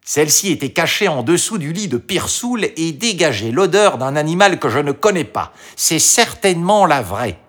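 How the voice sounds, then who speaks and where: Clever storybook fox, a man voicing it: lively, coaxing, raised voice. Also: on the high side, moderate pace, few pauses, pitched above the performer's own voice. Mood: urgent. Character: clever helpful male fox, sly and warm.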